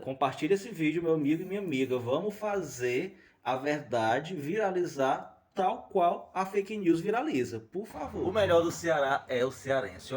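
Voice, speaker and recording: A man's voice: medium pitch, darkish tone, rough recording. A man with a Brazilian accent hosting political commentary, sarcastic and mocking in tone. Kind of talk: opinionated commentary.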